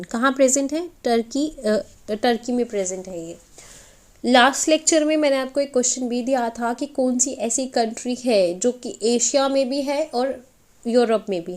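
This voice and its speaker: A woman with a high, bright voice gives an exam-prep geography lecture. She walks through a map and keeps asking questions, then answers them herself. She checks in with her listeners again and again. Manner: question-and-answer teaching, frequent check-ins. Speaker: teacher.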